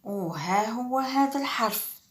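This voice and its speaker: A woman teaching Arabic letter reading in a slow lesson, repeating sounds and switching between French and Arabic. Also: on the high side, lively intonation. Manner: slow, repetitive, enunciating each sound.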